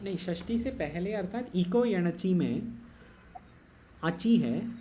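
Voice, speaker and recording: A man's voice: sits high, expressive, slow pace, warm tone, slight background noise. A man teaching Sanskrit grammar in an online class, patient and explaining step by step, slipping into English.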